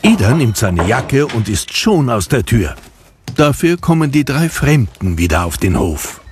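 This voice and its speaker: A man's voice: mid-range voice, sing-song, unhurried, noisy background. A man narrating a scripted children's story as the narrator. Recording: music behind the voice.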